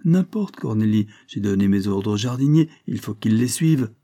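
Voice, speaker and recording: A man voicing a calm, conciliatory gentleman husband in an audiobook. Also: on the low side, moderate pace.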